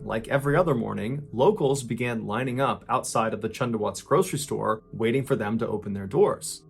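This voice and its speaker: A man hosting a podcast, telling a dark true story in suspenseful dramatic narration, getting louder at tense moments and dropping low at grim ones. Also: gravelly.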